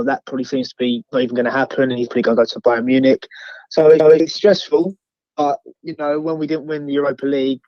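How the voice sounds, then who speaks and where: A man's voice: mid-range voice, dry recording. A man with an Essex accent chatting casually as a football fan calling in, rambling and repeating phrases as he goes. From Essex, England. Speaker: fan phoning in as caller. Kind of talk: casual chat. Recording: slightly dull, lo-fi call line.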